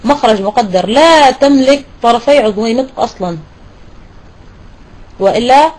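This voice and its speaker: A woman teaching a tajweed lesson to women students, explaining step by step and slowly repeating words to demonstrate pronunciation. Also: mid-range voice, darkish tone, poor audio. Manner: praises and questions students. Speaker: Quran recitation teacher.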